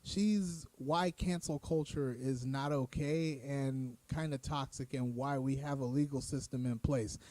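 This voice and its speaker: A man's voice: medium pitch, fairly even intonation, a little slow, few pauses, mellow, no echo. A man hosting an online show, delivering a heated, emphatic opinion rant with profanity and repeated phrases. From United States. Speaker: show host.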